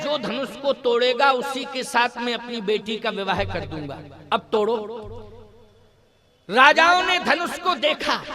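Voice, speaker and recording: High-voiced man telling a devotional story. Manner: lively, rhetorical questions to audience. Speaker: religious storyteller. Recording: live audience laughter.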